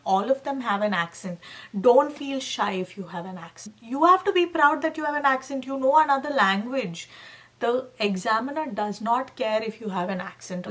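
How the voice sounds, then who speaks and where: A woman's voice: mid-range voice, fairly bright tone. A young woman hosting a casual tutorial, talking animatedly and emphatically to her viewers, often calling them guys and checking in with okay. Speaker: channel host giving exam tips. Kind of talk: casual tutorial talk to camera.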